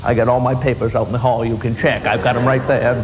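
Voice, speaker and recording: A man with a Maine accent telling comic stories to a live audience in a folksy, drawling, deadpan way. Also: medium pitch, fast talker, noisy background. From Maine, USA. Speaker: humorist, storyteller. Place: room in front of an audience.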